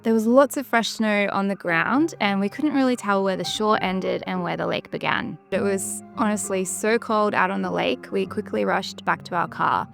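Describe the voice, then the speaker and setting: Female travel narrator, mid-pitched, some vocal fry, measured descriptive storytelling over a music bed. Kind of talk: scripted documentary-style narration.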